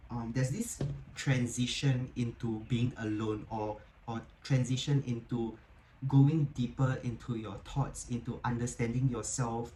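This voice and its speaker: A man's voice: mid-range voice, a little hiss or hum, rough recording. A man giving a casual, encouraging tarot reading, talking in a chatty way full of "like" and "okay?" checks. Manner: chatty, frequent "like" and "okay?" tag questions; gentle, encouraging tone. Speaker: tarot reader.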